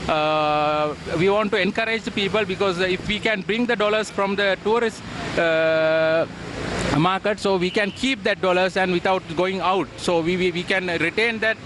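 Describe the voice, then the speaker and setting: Brief: Sri male hotelier, higher pitch, halting earnest appeal, faint street noise. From Sri Lanka. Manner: earnest, hesitant with many "uh"s. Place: city street outdoors.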